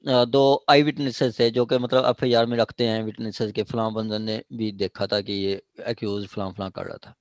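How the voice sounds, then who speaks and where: This law lecturer speaks in a lowish, level voice at a moderate pace with few pauses, recorded dry. He has a Pakistani accent and keeps the lesson informal, reading phrases aloud and then restating them in everyday language.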